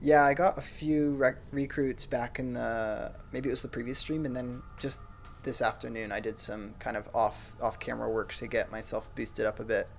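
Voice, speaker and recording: Game music plays as a young adult streamer at home reads viewer comments into his desk microphone and chats casually, soft and self-deprecating. His medium-pitched voice has vocal fry, and there is a little hiss or hum in the audio.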